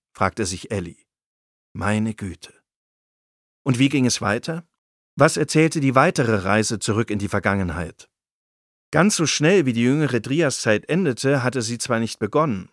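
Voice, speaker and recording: A man's voice: mid-range voice, no room sound. Man narrating nonfiction in a dry studio.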